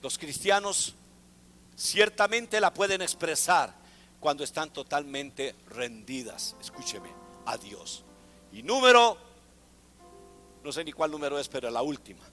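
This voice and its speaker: A man's voice: a little high, very animated, a little slow, long pauses, pushed and bright, in a large hall, faint music behind. A man preaching a sermon to a congregation, asking them to repeat words after him. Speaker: pastor. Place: church.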